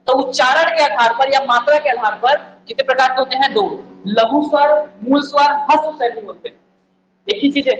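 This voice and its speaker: A male teacher giving an exam-prep lecture, repeating key points and firing quick questions at the listeners. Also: extremely high pitch, fairly bright tone. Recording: echoey room, faint background noise.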